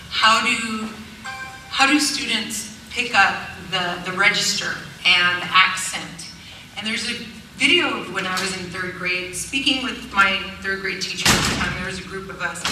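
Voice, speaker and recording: A middle-aged woman, a teacher, speaks earnestly on a panel in an event hall, using fillers and restarting her sentences. Her voice is mid-range, recorded far from the mic in an echoey hall with background noise.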